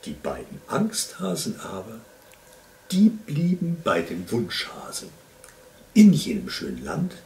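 Mann liest eine Kindergeschichte lebhaft vor. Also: male voice, lowish voice, creaky, distant mic, a little hiss or hum. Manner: expressive, unhurried storytelling. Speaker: reader of a children's story. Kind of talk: reading a children's story aloud.

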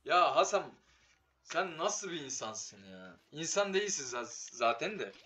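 A man's voice: fairly high pitch, very animated, measured pace, sharp tone, slightly rough. A man doing casual, slangy live commentary on a slot game, swearing and talking to it, his voice giving out from being a bit sick. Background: game music.

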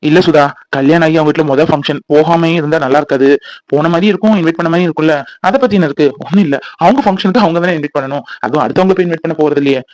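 An easygoing father in a cartoon who reasons things through quickly, voiced by a man. His voice is a little high, and the recording is dry and close. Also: darkish tone, no echo, natural voice. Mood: reasoning.

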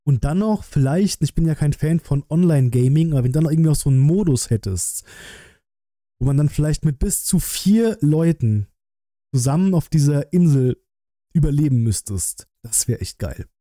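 Sitting in a small, decorated indoor streaming room, a livestream host from Germany in his thirties chats and reacts to a trailer, blunt and colloquial, thinking out loud. He wears a headset and is close to a desk mic, so there is no echo. His voice is a little high, warm and animated at normal speed.

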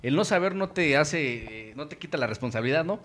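A man's voice: a little high, lively intonation, a bit bright. A man hosting a talk show discussion, conversational and leading the talk. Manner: fast, conversational, leads discussion.

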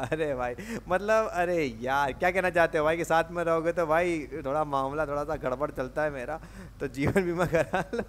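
A man hosting a music reaction video in a casual, excitable chat, who mixes English into his talk and keeps saying "bro" and "okay.". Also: a little high. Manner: excitable, laughs easily.

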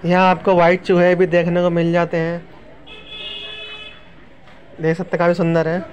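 A man in his thirties narrates a casual walk through an open-air street market. He talks in a chatty, even way and keeps calling his viewers friends. His voice sits a little high and barely rises or falls, and clear street noise fills the phone recording. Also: normal speed, lo-fi sound. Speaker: vlogger. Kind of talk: casual walking tour narration. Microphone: handheld phone camera.

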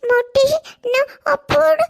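A woman's voice: very high voice, fairly even intonation, measured pace, creaky, pitched above the performer's own voice, exaggerated voice. Woman doing a babbling toddler girl. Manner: lisping baby talk.

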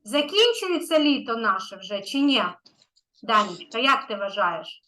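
A high, bright-voiced woman teaching a small child, slow and patient. She praises often and draws out the important words so the child can follow. Her voice stays gentle and encouraging. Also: big pitch swings, low-quality recording. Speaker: kindergarten teacher. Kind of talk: online lesson with a young child.

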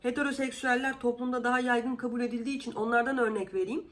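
A woman talks straight to camera as a vlogger, fed up and sarcastic about what she is describing. Her voice sits a little high, and she keeps leaping upward on her words before dropping back down. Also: racing. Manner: indignant, sarcastic, exasperated; animated, with sudden pitch jumps. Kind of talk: casual commentary.

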